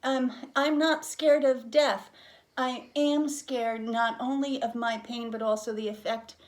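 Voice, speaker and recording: Higher-voiced woman, frank and emphatic. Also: fairly even intonation, measured pace. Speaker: interviewer and hospice patient. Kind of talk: candid conversational interview.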